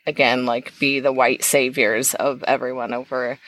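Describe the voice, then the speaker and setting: A woman's voice: a bass voice, level tone, moderate pace, fairly bright tone. A woman co-hosting a podcast in casual chat, blunt and sarcastic, laughing often. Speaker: podcast co-host.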